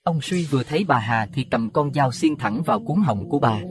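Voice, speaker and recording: A man narrating a Buddhist horror audio story in an expressive, dramatic way. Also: medium pitch, fairly quick, faint music behind. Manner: expressive, rising to alarm at scary moments.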